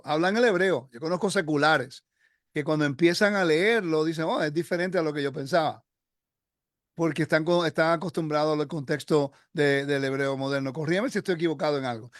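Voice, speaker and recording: A man's voice: on the high side, no echo, studio quality. A man hosting a religious discussion, talking earnestly and emphatically with many fillers and restarts.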